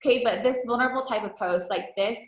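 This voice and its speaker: Speaking quickly with a fairly high pitch, a woman leads her team through a relaxed training call as their coach, rambling conversationally and often asking rhetorical check-in questions. It's recorded in an echoey, roomy space.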